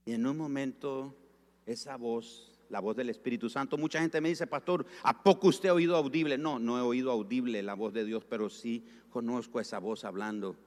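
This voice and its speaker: A male pastor preaching a storytelling sermon, acting out the dialogue and slowing down for emphasis. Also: medium pitch. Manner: animated, acts out dialogue, slows for emphasis. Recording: long reverb of a large hall.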